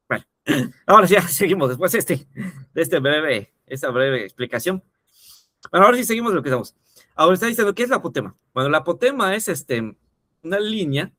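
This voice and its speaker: A man's voice: on the high side, sharp tone, dry recording, clean studio sound. A man teaching a lesson, explaining step by step and often checking in with the listener. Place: teaching video.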